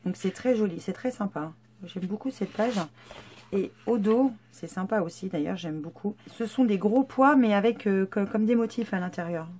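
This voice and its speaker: A woman's voice: mid-range voice, normal speed, a little mellow, husky. Chatty woman showing craft papers. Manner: chatty, hesitant with many fillers. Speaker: scrapbooking vlogger. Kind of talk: casual haul show-and-tell.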